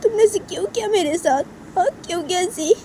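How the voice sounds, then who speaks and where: A woman's voice: very high voice, a little fast, warm tone, slight background noise, voice pushed up. A woman voicing a hurt young woman who cries and scolds with repeated questions. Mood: tearful furious. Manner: sobbing, repetitive scolding questions. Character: hurt, tearful young woman, angry and unforgiving.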